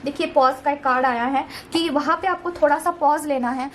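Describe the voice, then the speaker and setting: Young woman doing a chill tarot reading, high voice, soft and reassuring, a bit of background hiss. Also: brisk. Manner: gentle, reassuring, keeps saying "theek hai"; mixes English words into Hindi. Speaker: tarot card reader. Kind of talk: casual spiritual card reading to viewers.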